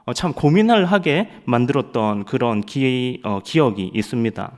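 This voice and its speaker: Lively young man preaching a sermon. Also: medium pitch, moderate pace. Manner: animated storytelling, acting out loud shouted quotes. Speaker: evangelist preaching at a Friday night prayer service.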